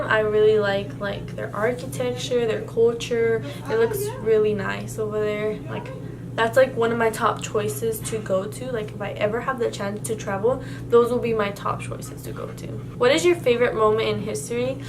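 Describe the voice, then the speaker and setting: Her voice sits a little high, with noise in the background. She's a young vlogger, Spanish her first language, filming a casual Q&A tag video full of fillers, restarts and rambling answers.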